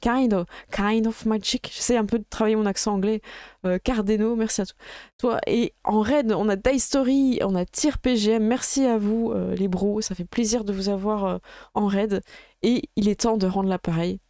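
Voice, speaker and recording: A woman game master chatting casually as she wraps up a live stream, halting often with fillers. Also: medium pitch, fairly even intonation, dark tone, no room sound, studio quality.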